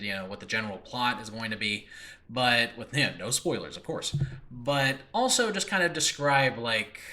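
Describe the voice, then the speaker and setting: An American man with a bright, medium-pitched voice hosts a casual solo podcast, rambling informally and dropping frequent "you know" asides. He creates audio dramas and records from a makeshift setup in a room of his new apartment.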